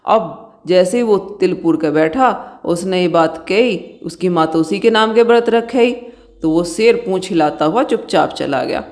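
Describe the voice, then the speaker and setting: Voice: mid-range voice, darkish tone. Homely devotional tale storyteller. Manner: unhurried, homely storytelling with fillers. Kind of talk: devotional folk tale narration.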